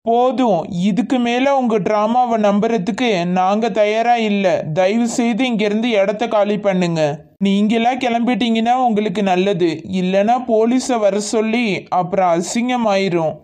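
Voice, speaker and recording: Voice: medium pitch, steady tone, normal speed, darkish tone, natural voice. A voice actor playing the stern, proud father of a bride in a cartoon, with a Kanyakumari Tamil accent and a commanding manner. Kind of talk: cartoon voice acting.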